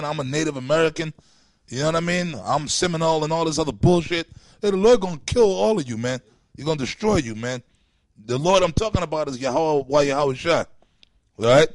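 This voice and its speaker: In an open religious forum, a man with a slightly high voice preaches, reading scripture aloud with commentary. He scolds his critics in a profane, confrontational way, and the recording has no echo.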